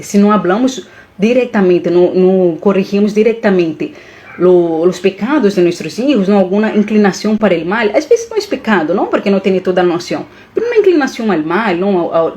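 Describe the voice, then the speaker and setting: Animated woman on a live stream. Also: medium pitch. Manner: animated, mixes Portuguese and Spanish, emotional.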